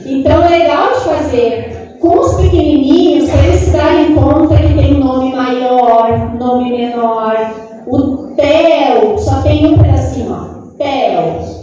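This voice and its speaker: A woman's voice: sits high, mellow, far from the mic, lo-fi sound. A woman giving a lecture to teachers, talking conversationally and often checking in with "né?" and "tá?". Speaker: lecturer in a teacher training course. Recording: very echoey lecture hall from afar.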